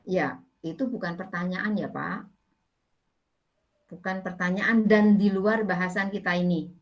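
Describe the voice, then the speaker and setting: A woman's voice: on the low side, fairly even intonation, measured pace, low-quality recording. A middle-aged woman lecturer with an Indonesian accent, patiently explaining English grammar to her class with many fillers. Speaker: university lecturer.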